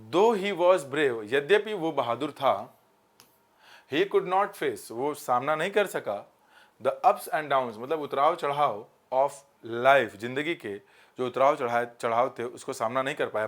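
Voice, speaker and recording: Animated and fairly bright, this mid-range voice is a male teacher giving an exam-prep grammar lesson. He speaks Hindi, switching into English as he explains, and reads examples slowly.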